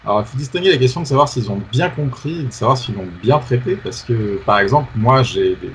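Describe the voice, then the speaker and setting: A man's voice: mid-range voice, lively intonation, fairly quick, slight background noise, poor audio. A male researcher answering interview questions in a conversational way, hesitant, with many fillers and restarts. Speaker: researcher guest.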